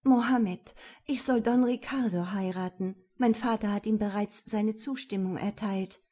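A woman's voice: mid-range voice, a little slow, mellow, natural voice. Woman voicing Anna, anxious young duchess. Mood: urgent. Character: young noblewoman, guarded and clever.

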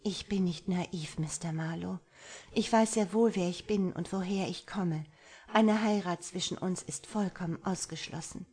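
A proud young woman in a romance audiobook who holds her ground firmly and defiantly. A woman reads her in a low, slightly husky voice. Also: unhurried, a little mellow. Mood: ruhig. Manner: firm and defiant. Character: stubborn, proud young woman, a governess type.

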